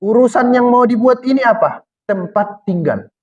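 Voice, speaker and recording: A man preaching a Quranic exegesis sermon, putting questions to the congregation and answering them himself, and slowing right down to recite verses. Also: extremely high pitch, animated, a little mellow. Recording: dull lo-fi recording.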